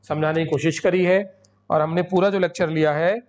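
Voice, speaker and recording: A man's voice: a little high, fairly even intonation, a little fast, lo-fi sound. A man teaching English grammar in a coaching lecture, chatty and scolding as he acts out his students.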